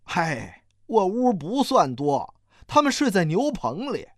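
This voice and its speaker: A reader voicing a grieving poor peasant father who flees famine and pleads slowly and sorrowfully. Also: medium pitch, huge pitch swings, dry recording, studio quality, heavily acted. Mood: weary. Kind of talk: audiobook character voicing.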